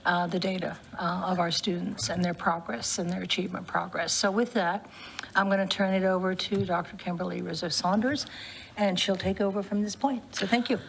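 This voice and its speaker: A woman chairing a public committee meeting, relaxed and chatty, with a voice she says she is losing. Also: lowish voice, fairly quick, gravelly, a little hiss or hum. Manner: warm, loose, laughs between remarks. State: losing her voice.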